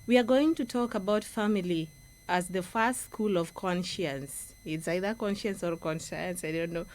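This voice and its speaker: A woman's voice: on the low side, normal speed, a little mellow. A Kenyan woman, a project coordinator and guest speaker, giving an earnest, instructive talk in a radio studio.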